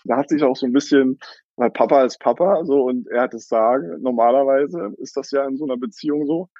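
A man's voice: medium pitch, a little fast, dark tone, no room sound, highs cut off. A young man in his twenties telling the story of his coffee cart business in a casual interview, with many fillers and laughs.

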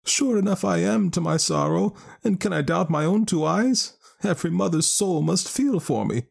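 A man puts on a grief-stricken country mother, frantic over her lost child. Her voice jumps very high and shrill, loud and pleading, in a storybook reading. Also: lively intonation, normal speed, gravelly, breathy edge, full character voice. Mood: distraught. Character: grieving peasant mother, young woman, anxious.

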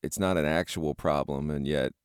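A man's voice: a bass voice, steady tone, normal speed, clean tone, dry recording. A man hosting a podcast, asking questions in casual interview chat.

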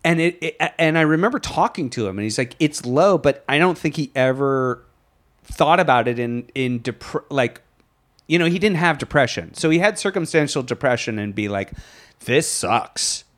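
A man's voice: mid-range voice, lively intonation, normal speed, fairly bright tone. A man co-hosting a podcast, talking casually in a rambling, hesitant way with many fillers. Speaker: podcast co-host. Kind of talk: casual chat.

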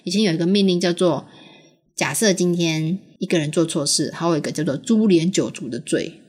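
Woman in her thirties, lower voice, patient, quizzing a child, laughs a lot. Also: brisk, a little mellow, slightly rough. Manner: patient, questioning, laughs often. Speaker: mother talking with her young daughter. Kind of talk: casual storytelling chat with a child.

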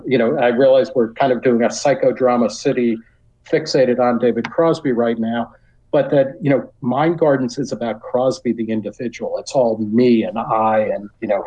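A man's voice: medium pitch, warm tone, highs cut off. A man co-hosting a casual music discussion, rambling and full of "you know," talking enthusiastically. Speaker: podcast co-host.

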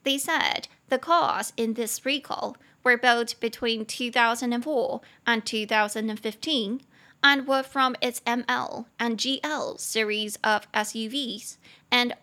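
A young woman hosting a casual English lesson podcast, explaining words and spelling them out slowly with a lively, self-amused manner. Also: a little high.

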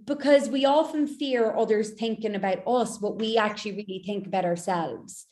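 A woman's voice: medium pitch, normal speed, a little mellow. A woman speaking as a mindset coach in a podcast interview, making her points in short, emphatic, repeated sentences.

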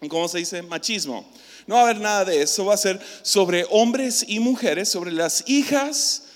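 Lively, high-voiced preacher in a hall. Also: male voice, moderate pace. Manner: lively, jokey, interacts with the audience. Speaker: youth pastor. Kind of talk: casual youth sermon. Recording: hall reverb.

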